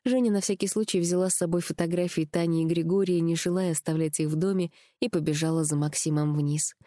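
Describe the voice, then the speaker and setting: A woman narrating an audiobook with an even, measured reading. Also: on the low side, no room sound, studio quality.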